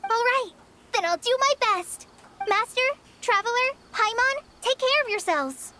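Very high, earnest young apprentice girl. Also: animated, measured pace, background noise. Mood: resolved. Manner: polite, eager, hesitant. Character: earnest, eager young female apprentice healer, unsure of herself. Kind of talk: scripted video game acting.

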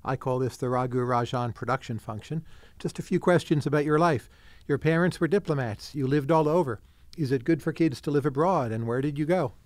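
A man hosting a podcast interview, asking brisk, direct questions. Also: medium pitch, dry recording. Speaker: podcast host.

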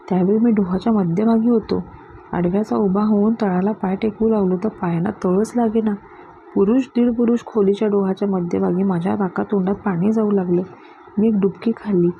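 A woman reading a story aloud in a steady, measured narration. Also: medium pitch, gravelly. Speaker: story reader. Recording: dull lo-fi with faint hiss.

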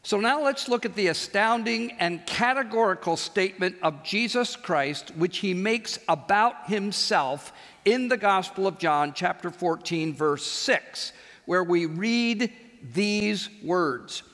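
A high-voiced older man preaches a chapel sermon from a big auditorium stage, speaking into a headset mic. He is animated and leans on slow, emphatic pauses. His voice rings out with a long hall reverb.

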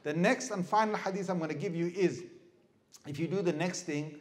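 A middle-aged man giving a lively sermon as an Islamic preacher, asking the audience questions and acting out crying babies. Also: high-pitched, a little fast. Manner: animated, asks the crowd questions, mimics crying babies.

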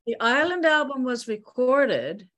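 A woman in her sixties, a musician from Newfoundland, talking candidly in a video-call interview, with halting restarts and fillers. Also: high voice, very animated, a bit bright. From Newfoundland, Canada. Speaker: musician guest. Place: bright home room by a window. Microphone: video call laptop mic.

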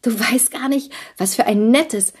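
A woman's voice: a little high, unhurried, darkish tone, slightly rough, pitched above the performer's own voice. A woman voicing an anxious young wife who pleads eagerly and breathlessly in an audiobook reading. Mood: pleading. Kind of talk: audiobook character voice.

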